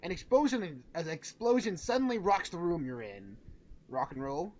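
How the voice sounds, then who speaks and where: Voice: medium pitch, animated, moderate pace, a little mellow, highs cut off. A story reader narrating fan fiction informally, giggly and tripping over words, with asides to friends.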